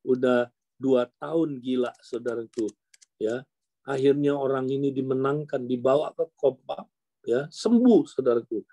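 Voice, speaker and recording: Pastor man telling a sermon story, mellow warm voice, dry close sound, keeps calling out to the crowd. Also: medium pitch, a little slow, dry recording. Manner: animated, addresses listeners as "saudara" constantly.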